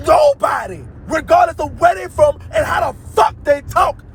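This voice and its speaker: A man from Louisiana in a heated live-stream rant, angry and swearing, his voice climbing into shouts. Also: very high-pitched, very animated, normal speed. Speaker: host of an online live stream. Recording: loud street and car noise.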